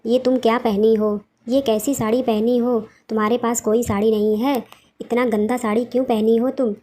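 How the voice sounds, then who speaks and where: A woman voicing a teasing younger brother, a cheeky young man, in a fairly high, flat voice. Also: normal speed, close to an everyday voice.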